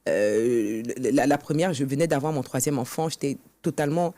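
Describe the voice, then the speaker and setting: This guest author, a woman, speaks in a rumbling low, mellow voice at a normal pace, recorded dry. She recounts her own story earnestly during a podcast studio interview, performing the dialogue from past conversations.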